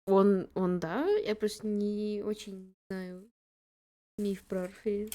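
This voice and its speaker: A woman's voice: medium pitch, flat delivery, slow, warm tone. A woman casually commenting on a game live for her chat, in the gushing, giggly manner of a fan. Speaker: game streamer.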